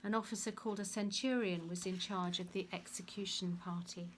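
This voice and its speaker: A woman reading a Bible story aloud as scripted narration, with measured storytelling. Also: medium pitch, fairly even intonation, slight background noise. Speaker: reader.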